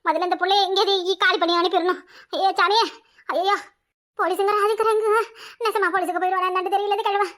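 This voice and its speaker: A woman voices a quarrelsome village housewife with a sharp tongue for a cartoon, speaking in a Kanyakumari Tamil accent. She scolds rapidly at a very high pitch that moves little.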